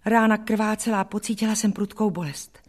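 A woman reading a first-person story aloud as an audiobook narrator, steady and even. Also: medium pitch.

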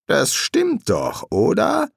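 A man's voice: high voice, wildly swooping pitch, slow pace, gravelly, husky, dry recording, clean studio sound, pitched above the performer's own voice, full character voice. A man voicing a sly, ironic male demon who needles his friend in an audiobook reading. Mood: probing.

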